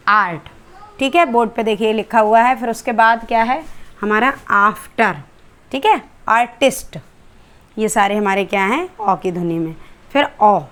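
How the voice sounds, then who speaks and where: A woman English teacher with an Indian accent, explaining letter sounds step by step in a classroom-style lesson and asking rhetorical questions as she goes. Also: a little high.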